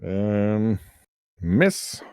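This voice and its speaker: A man running a tabletop game as game master, narrating turns in a relaxed, wry, chatty way. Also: on the low side, drawn-out words, a little hiss or hum.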